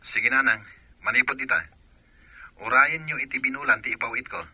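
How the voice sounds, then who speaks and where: A man's voice: mid-range voice, fairly quick, pushed and bright, breathy edge, dry recording, lo-fi sound. An actor playing a jealous soldier husband who talks bitterly and accuses his wife. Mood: chatty.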